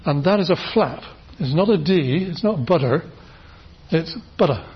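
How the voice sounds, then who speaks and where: A British man lectures on phonetics to a class, patiently explaining and demonstrating sounds, with plenty of fillers and restarts. His voice sits a little high and sounds husky. The recording of the lecture room is dull and lo-fi. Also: animated, moderate pace. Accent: British English. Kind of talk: university lecture.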